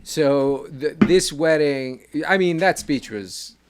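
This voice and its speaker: A man's voice: fairly high pitch, slow, background noise. A man from New York with a New York accent, co-hosting a casual podcast chat in an easygoing, agreeable way. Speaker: podcast co-host.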